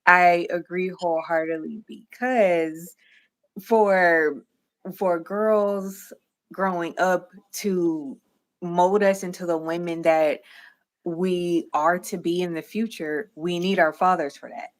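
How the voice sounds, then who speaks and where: A woman's voice: lowish voice, fairly even intonation, slow pace. A woman hosting a faith-centered livestream interview, telling stories with playful acted-out quotes and frequent laughter. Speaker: host.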